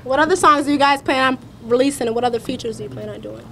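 A woman's voice: high voice, quick pace, fairly bright tone, a little hiss or hum. A teenage girl co-hosting a teen TV show, asking interview questions plainly. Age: teens. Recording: faint music and crowd behind.

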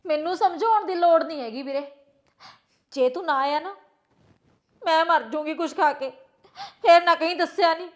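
An actress playing a tearful young wife who feels wronged by her household, speaking with a shrill, aggrieved voice. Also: normal speed, long pauses. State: crying. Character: tearful young wife threatening to leave home. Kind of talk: film drama dialogue.

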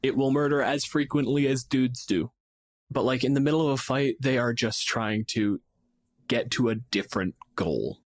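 Another podcast co-host, mid-range and speaking at a normal speed with no echo, joins an animated, casual talk about fantasy game monsters. He swears freely, uses plenty of slang, and keeps slipping into acted-out imaginary quotes.

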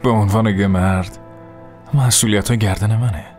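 A man's voice: lowish voice, steady tone, a little mellow, faint music behind, close to an everyday voice. A man dubbing a tender young man in love. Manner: tender phone talk to a lover. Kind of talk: Persian dub of a TV drama.

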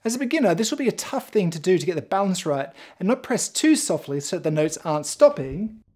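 Lively, mellow-voiced woman teaching bass. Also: quick pace, faint music behind. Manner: clear, encouraging step-by-step explaining. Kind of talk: instrument tutorial.

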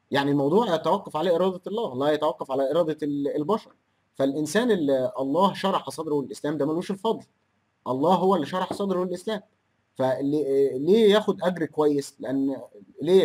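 A man with an Egyptian Arabic accent argues through a commentary, throwing out one rhetorical question after another. His voice sits a little high and sounds husky, and his words come at a rapid clip. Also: darkish tone. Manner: argumentative, full of rhetorical questions. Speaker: host of a religion-critique channel. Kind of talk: argumentative commentary with read-out quotes.

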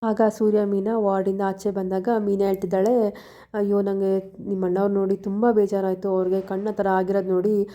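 Brief: woman narrator recapping a drama plot, Kannada accent, very dark mellow tone. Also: medium pitch, little pitch movement, brisk, lo-fi sound. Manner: plain storytelling, reads characters' lines without acting them. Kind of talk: retelling a TV serial episode, voicing quoted lines.

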